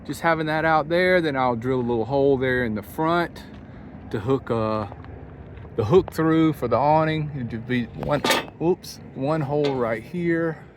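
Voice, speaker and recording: A vlogger with a medium-pitched voice narrates a do-it-yourself job outdoors beside a van near a highway, chatting in a folksy way as if thinking aloud. He speaks at a measured pace. Wind and interstate traffic can be faintly heard behind him.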